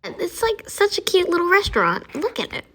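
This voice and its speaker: A woman doing a casual food-review voiceover, excitable and gushing over the food, with music behind her. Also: extremely high pitch, moderate pace.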